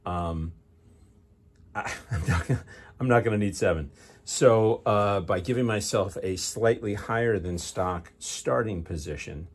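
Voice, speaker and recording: Low-voiced man explaining garage work. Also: darkish tone, a little hiss or hum. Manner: explains as he works, thinking aloud. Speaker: hobby car restorer. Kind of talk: casual workshop narration. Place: garage workshop.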